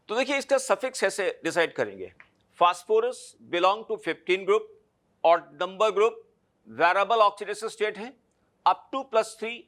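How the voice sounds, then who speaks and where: A man's voice: high-pitched, a bit bright. A man teaching a chemistry lecture, explaining step by step and checking understanding with short tag questions. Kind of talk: classroom lecture.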